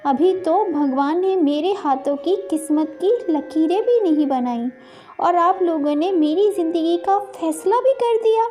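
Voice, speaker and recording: A woman doing a small pleading unborn girl from a storybook, high and tender, a little faint and far-off. She begs softly, with a mellow tone and music under her.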